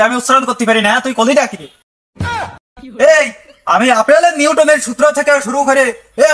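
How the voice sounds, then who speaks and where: High-pitched boastful man in a village skit. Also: slight background noise. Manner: boastful, loud and teasing. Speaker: comedian in village sketch. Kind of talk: scripted village comedy skit.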